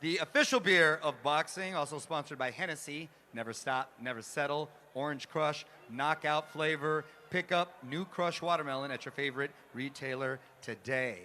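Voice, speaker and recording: A man's voice: on the high side, normal speed, few pauses, sharp tone. A man hosting a live boxing event in a hyped presenting style. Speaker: event host. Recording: live event microphone with background noise.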